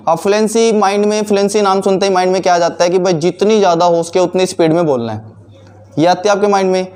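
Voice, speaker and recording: Male instructor, high voice, quizzing himself as he explains to a class. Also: fast, a little mellow. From India. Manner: explains by asking and answering his own questions. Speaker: teacher. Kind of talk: classroom teaching.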